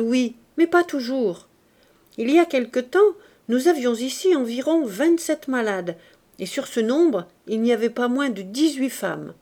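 A woman reading a classic tale aloud as an audiobook narrator, slow and measured, giving the characters' dialogue its own delivery. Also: on the high side, warm tone. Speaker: audiobook reader. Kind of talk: scripted narration.

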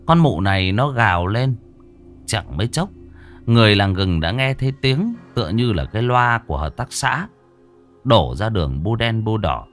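A man tells a gruesome village ghost story with theatrical relish. His voice sits low but rises and falls dramatically, and soft music plays faintly behind him. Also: expressive, moderate pace. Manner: vivid, gory, theatrical delivery.

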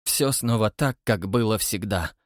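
A man reading an audiobook voices a thin, prim spinster woman who speaks calmly, mildly and with quiet menace. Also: fairly low pitch, unhurried, dry recording, studio quality, natural voice. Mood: pleased. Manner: calm, mild, quietly menacing.

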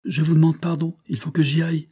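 Man as gentle young widowed mother in an audiobook, lifted pitch, husky. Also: little pitch movement, quick pace. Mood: tender. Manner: gentle, tender.

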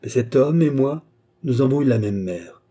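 A man's voice: medium pitch, animated, normal speed, mellow, husky. A man voicing a proud, righteous young count in an audiobook, with stern, commanding declamation. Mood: solemn.

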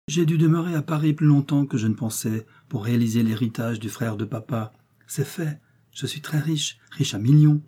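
A man's voice: medium pitch, mellow, husky, close to an everyday voice. A man reading a storybook voices an impulsive, determined young woman who asks urgent questions.

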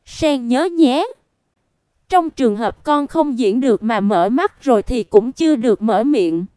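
A calm, scheming mistress of the house from a storybook, read by a woman narrator. She gives slow, careful instructions full of proverbs, in a high, very smooth voice. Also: no echo, clean studio sound.

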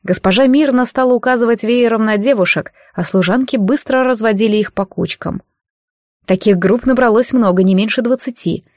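A woman's voice: on the high side, normal speed, no room sound. Woman narrating a story, dry close sound. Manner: expressive storytelling reading. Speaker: audiobook narrator. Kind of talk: scripted narration.

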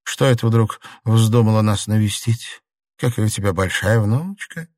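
A man's voice: fairly low pitch, moderate pace, darkish tone, no echo, studio quality, close to an everyday voice. A man reading an audiobook and voicing a sick, sad young noblewoman in a tired, subdued way. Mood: weary. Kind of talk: audiobook character voice.

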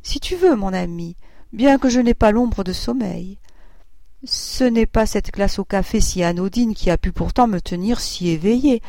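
A woman reading as a genteel mother, gently animated. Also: medium pitch, normal speed, creaky, no echo, clean studio sound, lightly acted. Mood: mild. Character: indulgent mother of a boy, genteel lady.

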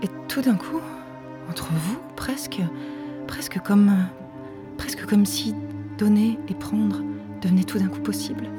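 An actress speaking a theatrical monologue, slow and halting, slipping into whispers. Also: female voice, mid-range voice, over music, lightly acted. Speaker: stage actress.

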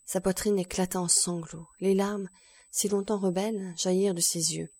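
A woman narrating a classic novel in an audiobook, measured and even. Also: medium pitch. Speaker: audiobook reader.

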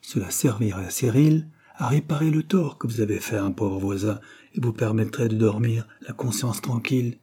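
A man reading aloud and voicing a patient governess who reproves the children calmly. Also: lowish voice, moderate pace, hardly any pauses, slightly rough. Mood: reproving. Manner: calm, reproving. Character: patient young female governess, gently moralizing.

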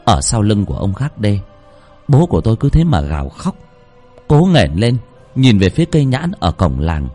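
Husky-voiced man telling a ghost story. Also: on the low side, sing-song, normal speed, dark tone, faint music behind. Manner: dramatic, emotive storytelling. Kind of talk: spoken ghost story narration.

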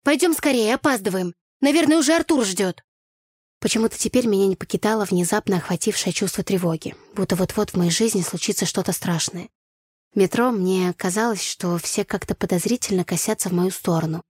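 A woman narrating a first-person novel in an even, storytelling delivery. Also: mid-range voice, brisk, husky, dry recording, studio quality. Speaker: audiobook narrator.

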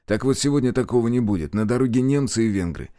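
A man voicing a weary, hoarse scout lieutenant who reports matter-of-factly. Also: medium pitch, expressive, fast, mellow, dry recording, clean studio sound, natural voice. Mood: grim.

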